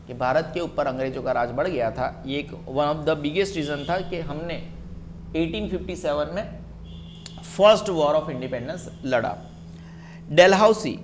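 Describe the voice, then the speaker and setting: Male teacher, classroom lecture, slow deliberate delivery, slightly high voice, lo-fi room recording with faint hum. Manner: explains terms slowly, checks understanding with questions. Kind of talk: classroom lecture mixing Hindi and English.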